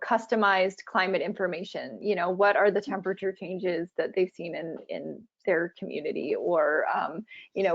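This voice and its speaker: A woman answering as a webinar panelist in a conversational way, with frequent fillers like "you know". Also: medium pitch. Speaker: webinar panelist from a climate research program. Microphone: video call with poor audio. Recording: dull lo-fi video call audio.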